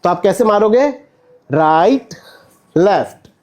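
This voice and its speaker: Brief: male acting coach, high animated voice, energetic drill calls in a studio class. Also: slow pace. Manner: energetic, counts and calls out corrections. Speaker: acting instructor. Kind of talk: coaching a stage-fight drill.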